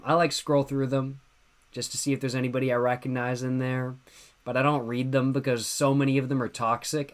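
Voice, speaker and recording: A man's voice: mid-range voice, a bit bright. A man in his twenties hosting a livestream, tipsy and laid-back, answering chat questions in a slangy way and repeating his phrases. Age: 20s. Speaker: livestream host. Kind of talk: casual livestream chat reading viewer questions.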